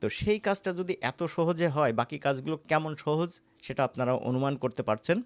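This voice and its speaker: An animation course instructor with a Bangladeshi accent gives a casual, conversational software tutorial, often checking in with the listener. His voice leans high and his pace is moderate.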